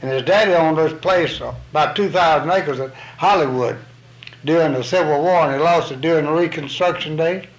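A man's voice: a little high, fairly quick, poor audio. An older man with a Southern accent from around Arkansas, giving folksy, plain-spoken answers in an informal interview. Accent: Southern US, Arkansas area.

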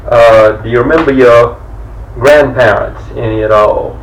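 Here the interviewer's voice is mid-range and a little slow, and the audio is dull with a touch of hiss or hum. He still stumbles through his questions, full of fillers and restarts, recorded from far off the mic in a roomy space.

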